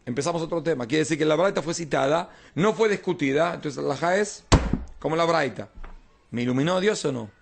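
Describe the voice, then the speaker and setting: A man's voice: a little high, a little fast, vocal fry, a little hiss or hum. A man, a rabbi, teaching an informal Talmud class, explaining texts and often checking that his students follow.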